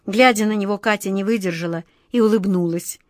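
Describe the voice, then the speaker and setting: A woman narrating a children's fairy tale in an even, expressive reading style. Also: medium pitch, a little fast, no echo, clean studio sound. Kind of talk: storybook reading.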